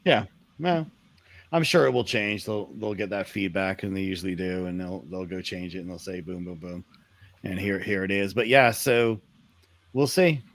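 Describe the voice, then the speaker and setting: A man's voice: low voice, moderate pace, dry recording. A man co-hosting a casual car podcast, wry and opinionated, often trailing off. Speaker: podcast co-host.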